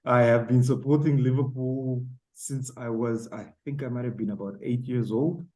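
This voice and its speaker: A man's voice: medium pitch, fairly even intonation, normal speed, mellow, poor audio. A man in his forties from Zambia, chatting as a guest author with many ums and uhs. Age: 40s. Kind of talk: casual interview chat. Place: home, South Africa.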